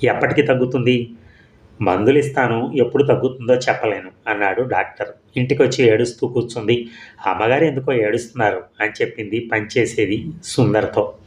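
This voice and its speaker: A man giving steady, measured storybook narration of a serial. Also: medium pitch. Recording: echoey room.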